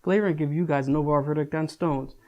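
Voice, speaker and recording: A man's voice: on the high side, fairly even intonation, fast talker, dull audio. A young adult man giving a casual, chatty beer review, talking loosely with frequent restarts and casual swearing.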